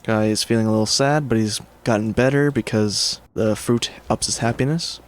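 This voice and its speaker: A gaming YouTuber with a lowish voice delivers casual let's-play commentary at a moderate pace. He rambles, corrects himself, and swears when things go wrong.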